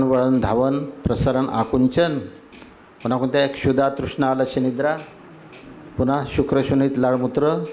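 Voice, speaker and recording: A man's voice: mid-range voice, a little mellow, slight background noise. A man, a spiritual teacher giving a devotional sermon. He lists terms in rhythmic runs and keeps asking his listeners whether they agree. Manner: asks the audience for agreement.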